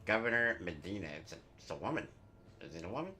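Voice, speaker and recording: A man's voice: deep voice, big pitch swings, quick pace, sharp tone, a little hiss or hum. A man chatting casually as he co-hosts a live game stream. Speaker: gaming streamer.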